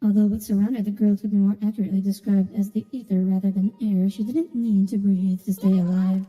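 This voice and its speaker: A woman streams a story quest in a video game, reading the story text aloud between bits of casual commentary. Her mid-range voice is warm and level in tone, and she talks a little fast. The recording is reverberant, with game music playing behind her.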